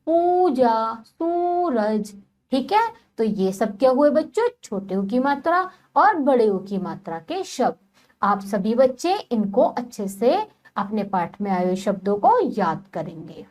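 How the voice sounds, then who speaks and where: A woman teaches young children from a textbook. Her voice sits high and swings up and down a lot, and she sounds out each word slowly and patiently. She keeps turning to the class with questions. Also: darkish tone. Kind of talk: primary-school Hindi lesson, reading from a textbook.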